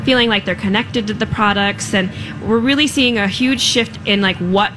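A woman's voice: medium pitch, moderate pace. A woman speaking as an interview guest in an earnest, meandering, casual way. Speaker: guest, small-shop owner. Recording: noisy live fair broadcast.

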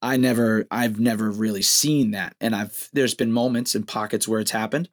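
Reflective man with halting speech. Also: lowish voice, steady tone. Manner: reflective, halting, many restarts. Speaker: guest songwriter. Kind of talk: casual podcast chat.

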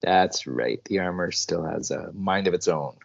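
Very deep, gravelly man, animated. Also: highs cut off. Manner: enthusiastic, quick agreeing interjections. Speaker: podcast co-host. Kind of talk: casual comic book discussion.

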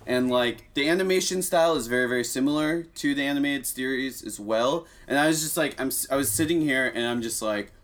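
A man's voice: medium pitch, fairly quick, few pauses, a bit bright. A man co-hosting a casual podcast, talking at length in a rambling way. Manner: rambling, many fillers and restarts. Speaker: podcast co-host. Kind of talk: casual chat.

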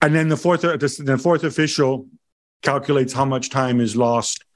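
A man's voice: mid-range voice, normal speed. A man interviewing in a conversational, inquisitive way, asking for clarification. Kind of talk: conversational questioning.

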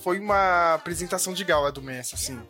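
A woman's voice: fairly low pitch, quick pace, a bit bright. A Brazilian woman in casual, slangy, emphatic sports chat as a podcast panelist. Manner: colloquial, emphatic. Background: music.

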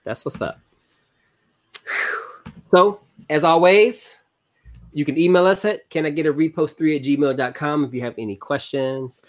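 A man, co-hosting a casual podcast, relaxed and full of fillers and repeats. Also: fairly high pitch, measured pace, long pauses. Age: 30s. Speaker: podcast co-host. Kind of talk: casual chat.

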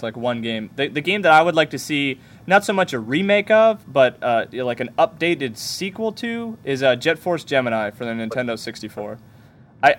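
A young man hosting a laid-back gaming podcast, talking casually. He chats loosely, stumbling and restarting his sentences as he thinks aloud. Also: medium pitch. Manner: chatty, halting restarts. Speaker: podcast host, game store worker.

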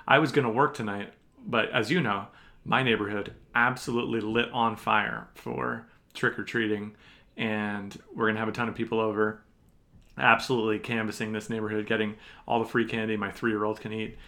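Bright, forceful male sports podcast co-host. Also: fairly low pitch, little pitch movement, moderate pace. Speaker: podcast co-host, fantasy basketball analyst. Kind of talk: casual sports podcast chat and analysis.

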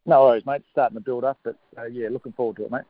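A man giving a casual radio interview as a horse trainer, hesitant, matey and low-key. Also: steady tone, rapid-fire, dry recording. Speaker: harness racing horse trainer, interview guest. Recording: narrow, lo-fi phone-like line.

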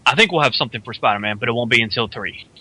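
Over a noisy background, a man with a mid-range voice and lively intonation chats casually while co-hosting a radio talk show. This podcast co-host makes opinionated, speculative predictions and briefly acts out character voices.

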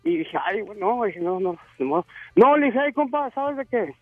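A man's voice: high-pitched, expressive, normal speed, dry recording. A man calling in to a radio show, telling a joke in a casual, slangy way. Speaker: radio caller. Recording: dull phone-in line.

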